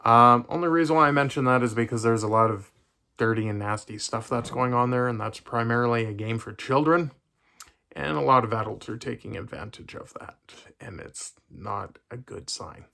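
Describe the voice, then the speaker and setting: A man's voice: medium pitch, brisk, vocal fry, pushed and bright. A young man talking casually to his camera, hesitant and rambling with many fillers. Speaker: vlogger.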